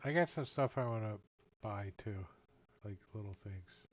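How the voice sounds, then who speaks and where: A man's voice: lowish voice, normal speed. Playful man bantering on a dull mic. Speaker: tabletop game player. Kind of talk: casual banter.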